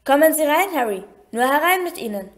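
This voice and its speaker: A woman's voice: sits high, big pitch swings, fairly quick, pitched above the performer's own voice. Lockhart, a woman doing a pompous vain teacher. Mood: smug. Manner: pompous, self-satisfied.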